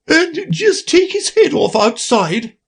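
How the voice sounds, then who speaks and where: Screechy raging queen from a storybook, man doing her way up high, yells every order. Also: big pitch swings, slow, gravelly, heavily acted. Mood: furious. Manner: shrill, screaming orders. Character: shrieking furious queen.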